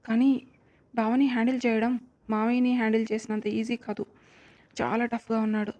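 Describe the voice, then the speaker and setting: Lady reading as a scheming young woman, calculating and whiny, highish and flat. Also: a little fast, dull audio, natural voice.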